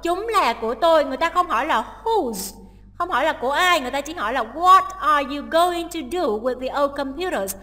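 A woman teacher with a high, ringing voice walks through a listening test. She reads each English sentence and then breaks it down step by step, and a long reverb hangs after her words. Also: animated, brisk, bright, forceful tone. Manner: explains each option, translating English lines aloud.

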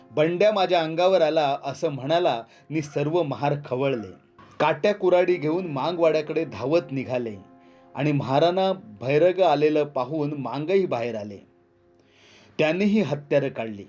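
A man with a somewhat high voice reads a village tale as a storyteller. He narrates steadily and lifts his voice to play out the characters' quarrels. Faint instrumental music runs underneath. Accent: Marathi. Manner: acts out village characters' lines in raised voices. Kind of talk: dramatic story reading. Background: soft instrumental music.

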